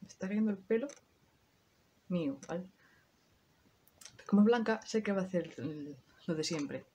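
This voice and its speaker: A woman's voice: on the low side, expressive, normal speed, mellow, slightly rough. A woman in her thirties with a Spain Spanish accent, chatting casually to her viewers through a makeup tutorial, swearing now and then. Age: 30s. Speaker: beauty vlogger.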